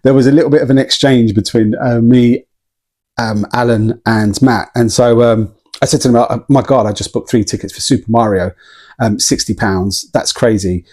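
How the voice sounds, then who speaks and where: Husky-voiced guy rambling through a casual vlog, lots of ums and laughs. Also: medium pitch, steady tone, moderate pace, a little mellow. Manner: chatty storytelling with frequent laughs and ums. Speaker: vlogger.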